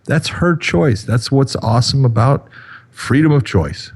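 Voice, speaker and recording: A man's voice: mid-range voice, animated, a little slow, a little mellow, husky. A man in his fifties co-hosting a podcast in casual chat, talking in a rambling way with lots of fillers. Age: 50s. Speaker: podcast co-host.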